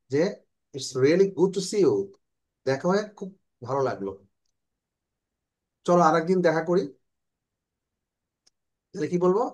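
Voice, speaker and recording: Bangladeshi man teaching English, fairly high voice, speaks phrases slowly and carefully for students to repeat. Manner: explains in Bengali, slowly models English phrases. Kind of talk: online English class.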